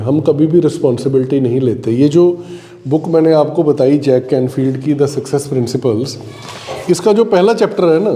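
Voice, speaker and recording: A man's voice: on the high side, mellow. A man teaching a school class, explaining patiently and asking the students questions, with an Indian English accent. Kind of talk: classroom lecture. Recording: echoey classroom.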